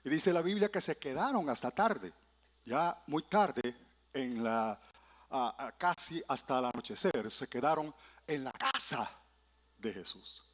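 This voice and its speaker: Male pastor, sermon, slow deliberate delivery, dramatic loud-soft swings. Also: expressive. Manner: dramatic swings between loud exclamations and hushed low phrases. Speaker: preacher. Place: church.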